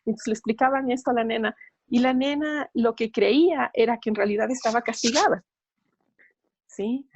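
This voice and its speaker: Higher-voiced woman psychologist, dry sound. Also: moderate pace, no echo. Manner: warm, explanatory, frequent tag questions, light laughter. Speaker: child psychologist guest. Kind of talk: interview talk.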